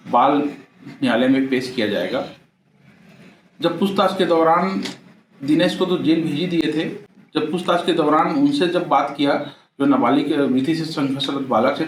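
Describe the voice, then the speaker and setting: A middle-aged man, a police officer, gives a measured, halting press statement with frequent pauses. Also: fairly high pitch. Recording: echoey, distant mic, faint background noise.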